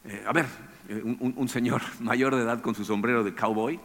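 A man tells a personal story to an audience in a large hall. He is animated, keeps tagging phrases with "¿no?" and chuckles often. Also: medium pitch, moderate pace. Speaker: speaker telling a personal story. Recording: long hall reverb.

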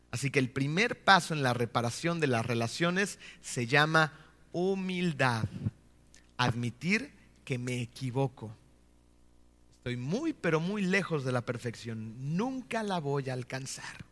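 A man in his thirties, a pastor, preaching a sermon full of rhetorical questions and often slowing down to stress his key points. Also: medium pitch, sharp tone, in a large hall. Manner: rhetorical questions with frequent tag "¿no?".

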